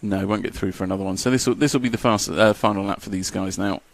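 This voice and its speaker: A man's voice: lowish voice, fairly even intonation, quick pace, gravelly, no room sound. A man doing live race commentary, chatty and jokey as he reads out lap times.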